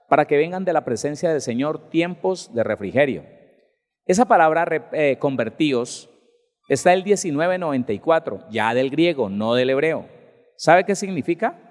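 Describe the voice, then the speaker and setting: A male pastor giving a conversational sermon at a Bible seminar, asking the congregation questions and acting out people's excuses. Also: long reverb tail. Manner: lively, rises in pitch and loudness for emphasis.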